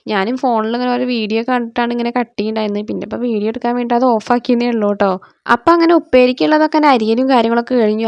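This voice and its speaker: Chatty slightly hoarse Malayali woman. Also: on the high side, no echo. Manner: chatty, ends phrases with a soft "tto". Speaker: family vlogger. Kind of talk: narrated morning cooking vlog. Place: home kitchen.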